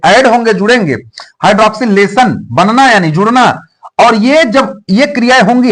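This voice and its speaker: Male biology teacher, higher pitch; repeats terms, quizzes and answers himself, shares memory tricks. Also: a bit bright. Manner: asks questions and answers them himself, repeats key terms. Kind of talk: explaining a biology lesson.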